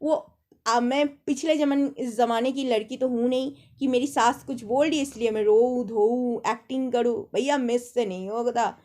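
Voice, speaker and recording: A woman's voice: fairly high pitch, steady tone, moderate pace, a little mellow. A young woman telling rambling personal anecdotes in a casual chat, acting out the lines of the people in them. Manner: chatty, rambling anecdotes with mimicked quotes. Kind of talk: casual storytelling monologue.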